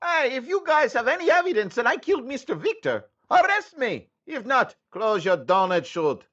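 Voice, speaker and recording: Detectives question a cheeky, sarcastic hairstylist in a comedic radio drama, played by a male actor in a sassy mood. His extremely high, sing-song voice has a sharp tone and a normal speed, it is heavily acted, and the audio sounds dull.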